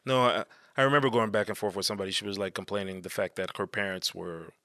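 A man's voice: on the low side, fast, no echo, studio quality. A young adult man co-hosting a podcast in casual chat, telling stories and laughing often. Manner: animated storytelling, laughs often. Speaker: podcast co-host.

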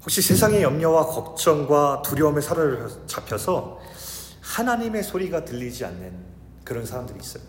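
A man in his thirties preaching a sermon as pastor, shifting between urgent raised delivery and soft, hushed storytelling. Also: a little high, sing-song, moderate pace, slight background noise. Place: church sanctuary. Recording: echoey hall with long reverb.

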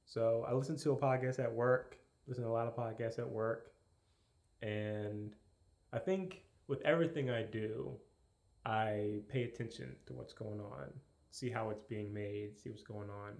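A man appearing as a guest on a podcast, chatting casually and explaining things in a relaxed way. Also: mid-range voice, moderate pace, gravelly. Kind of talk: casual chat.

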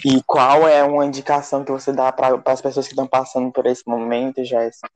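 A man's voice: medium pitch, completely flat delivery, brisk, poor audio. Teasing podcast host man. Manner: teasing, bossy, prodding. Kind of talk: casual podcast chat.

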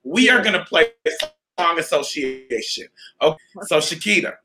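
A man's voice: fairly high pitch, lively intonation, moderate pace, bright, forceful tone. A man hosting a casual chat, talking informally with hype and repeated phrases. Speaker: host.

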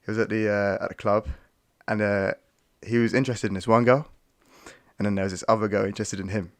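Young guy, low and gravelly, laid-back slangy storyteller on a dry podcast mic. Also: steady tone, quick pace, no echo. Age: young adult. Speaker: podcast co-host. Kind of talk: casual chat.

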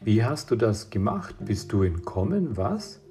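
A man's voice: on the low side, big pitch swings, a little slow, warm tone, soft background music. A man reading aloud as a teenage boy who leads his friends, urging and reassuring.

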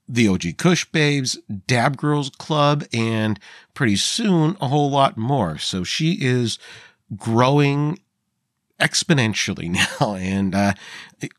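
A man's voice: lowish voice, no echo, studio quality. A man in his forties hosting a podcast, rambling informally with fillers and casual swearing. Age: 40s. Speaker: podcast host.

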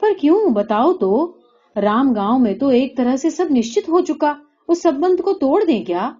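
A weary middle-aged village father, grumbling and reluctant, voiced by a woman reader. The tone is raised and mellow. Dull lo-fi recording. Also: sits high, big pitch swings, voice pushed up.

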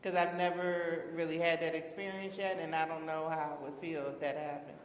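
A woman guest answering interview questions casually and candidly, often pausing with "um" and laughing. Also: sits low, level tone. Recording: echoey room.

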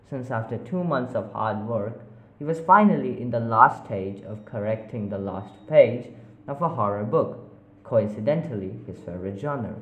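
A man narrating a spooky story in a measured, unhurried way with small slips. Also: medium pitch, a little hiss or hum. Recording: roomy echo.

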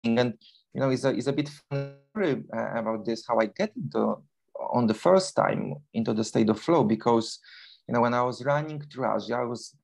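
A man's voice: mid-range voice, moderate pace, vocal fry, a little mellow. A man in his forties from Poland with a Polish accent, a guest in an interview who talks casually with many fillers and restarts. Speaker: guest, long-distance runner.

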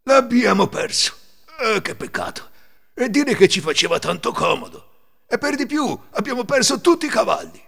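A man's voice: high-pitched, sing-song, normal speed, gravelly, fairly bright tone, big-room sound, pitched above the performer's own voice, heavily acted. A man voicing bad-tempered male thieves, raised and menacing, in a storytelling reading. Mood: grumbling.

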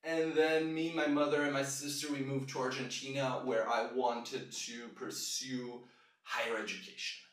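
A man's voice: mid-range voice, flat delivery, normal speed, fairly bright tone. Rambling, self-mocking man in echoey room. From Brazil. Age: 30s. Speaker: podcast host. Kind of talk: casual podcast monologue. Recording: echoey room, distant mic, music behind.

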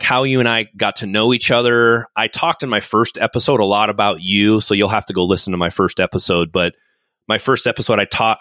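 Chatty podcast host, low dry voice. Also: male voice, sharp tone, dry recording. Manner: chatty, upbeat, many fillers and restarts. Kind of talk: casual podcast interview.

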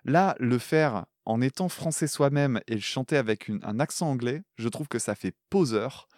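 Animated French man chatting about music. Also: medium pitch, normal speed, no echo. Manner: animated, laughs often, swears casually. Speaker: podcast co-host; schoolteacher. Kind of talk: casual chat about music covers.

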